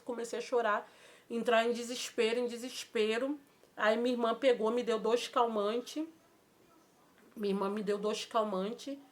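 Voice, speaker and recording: A woman with a Brazilian Portuguese accent speaks in a fairly high voice, telling a personal story straight to her viewers. She sounds emotional and halting, circling back to repeat her words. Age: adult with a child. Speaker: vlogger.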